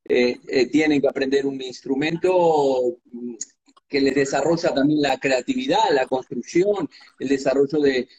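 A man hosting a live online talk, relaxed and casual, reading out viewer comments with many "este" fillers. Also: medium pitch, unhurried. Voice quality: husky. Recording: dull, muffled lo-fi audio.

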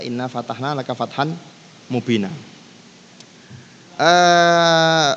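A man with a Javanese accent leading a casual religious lesson, easygoing and switching between languages, reciting Arabic passages. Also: mid-range voice. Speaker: Islamic teacher leading kitab study. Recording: long reverb with faint background noise.

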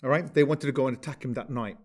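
A religious teacher with a medium-pitched, slightly mellow voice speaks fast as he retells a story for his class. His storytelling lecture is conversational, and he often asks "right?" to check in with the listeners.

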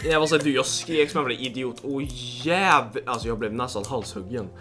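A man's voice: medium pitch, over music. A young man co-hosting a casual podcast, telling stories with lots of fillers and swearing. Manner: excitable storyteller, swears a lot, lots of fillers. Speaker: podcast co-host. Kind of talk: casual podcast chat, storytelling.

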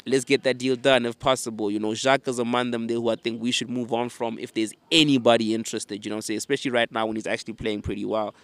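A man's voice: mid-range voice, flat delivery, fast talker, few pauses, fairly bright tone, no room sound. Male football fan host, casual and opinionated, urban slang and swearing, level intonation. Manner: slangy urban talk, peppered with bro, fam and mandem.

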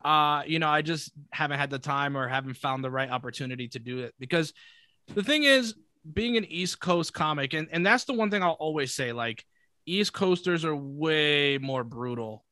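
Animated, bright-voiced young man. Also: fairly high pitch, normal speed, no echo. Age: 20s. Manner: animated, profane storytelling. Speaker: podcast guest, comedian. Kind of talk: casual podcast chat.

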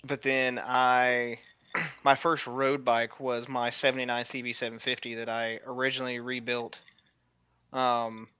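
A man's voice: medium pitch, sharp tone, clear, resonant tone, no echo, lo-fi sound. A man in casual podcast chat who speaks in a laid-back, wry way.

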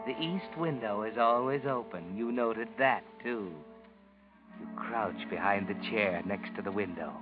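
The Whistler, voiced by a man, an ominous narrator who speaks straight to the killer in a slow, measured way. It comes from a muffled 1940s radio broadcast with music playing clearly behind him. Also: fairly low pitch, lightly acted. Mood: brooding. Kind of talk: second-person suspense narration.

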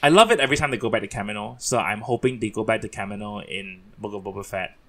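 A man's voice: lowish voice, quick pace, bright, forceful tone. A man from Singapore hosting a casual podcast chat, chatty and laughing often. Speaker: podcast host.

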